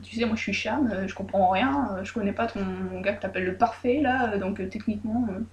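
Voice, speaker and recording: A woman's voice: mid-range voice, quick pace, lightly acted. A woman voicing a hot-tempered young girl who talks brashly and mumbles. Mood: confused. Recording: roomy echo.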